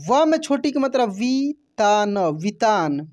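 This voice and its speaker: A woman's voice: mid-range voice, animated, slow pace, a little mellow. A woman teaching Hindi reading, who sounds out each letter and vowel sign syllable by syllable and then says the whole word, often saying it twice. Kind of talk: reading lesson, spelling words out.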